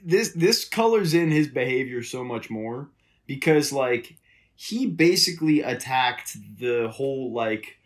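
A man's voice: medium pitch, animated, a little slow. A man co-hosting a casual comedic recap podcast who riffs loosely, swears and calls his partner dude. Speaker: podcast co-host.

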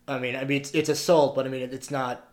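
A man co-hosting a podcast, chatting casually about films with lots of fillers and animated quoting. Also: mid-range voice, quick pace. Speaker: podcast co-host. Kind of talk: casual film discussion.

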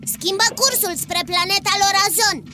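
A woman voicing a small, eager cartoon hero who talks quickly and lively, in a dubbed cartoon. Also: very high voice, over music. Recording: loud hiss under the voice.

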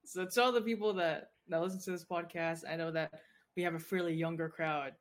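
A man's voice: fairly high pitch, fairly even intonation, fairly quick. Laid-back young man podcast co-host. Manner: laid-back, easygoing, casual slang. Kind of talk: casual chat.

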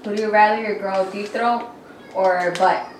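A woman's voice: mid-range voice, steady tone, unhurried, recorded from a distance. A woman co-hosting a podcast in casual, slangy chat, reading out viewer comments bluntly. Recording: echoey room, faint noise.

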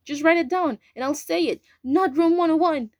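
A woman voicing a terrified woman prisoner who begs loudly in a high voice. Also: normal speed, dry recording, clean studio sound. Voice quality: high, loud, frantic pleading.

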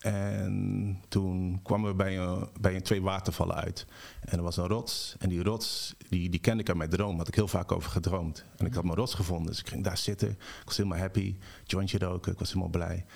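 A man from the Netherlands, a shaman guest, telling his story at length in a relaxed way and mixing English words into his talk. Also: deep voice, brisk, creaky, hardly any pauses. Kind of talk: storytelling in a podcast interview.

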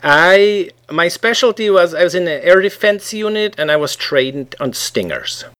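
A middle-aged man from Switzerland, a guest on a podcast, talking in a relaxed way and often pausing with ums as he looks for words. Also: high-pitched, clear, resonant tone. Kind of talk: casual interview conversation.

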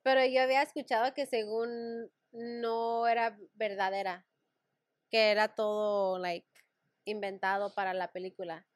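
A young woman co-hosting a casual podcast chat, telling scary stories in a lively way and dropping English fillers into her speech. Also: medium pitch, measured pace, dry recording, studio quality. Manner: mixes Spanish with English fillers, animated storytelling. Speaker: podcast co-host.

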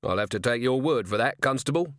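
A middle-aged watch commander from an audiobook tale, dry and understated. A man reads him in a middle-pitched voice, recorded close and dry. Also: expressive, brisk, a bit bright, no echo, lightly acted. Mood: wry.

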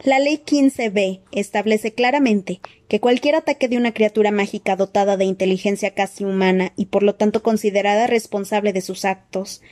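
A woman voicing a frightened, pompous female official with a squeaky, haughty voice. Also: steady tone, normal speed, few pauses, a little mellow, natural voice.

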